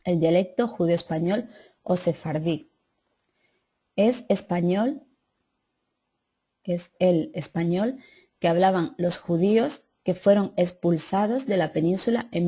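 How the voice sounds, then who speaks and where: A woman's voice: on the low side, warm tone, slightly rough. A woman teacher reading lesson notes aloud and adding casual asides to her students. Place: classroom or online class.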